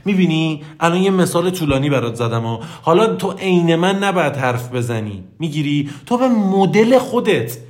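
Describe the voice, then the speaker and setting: A man from Iran giving an emphatic, playful motivational talk, acting out inner voices and speaking warmly to his listeners. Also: a little high, big pitch swings, hardly any pauses. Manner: affectionate toward listeners. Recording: roomy echo.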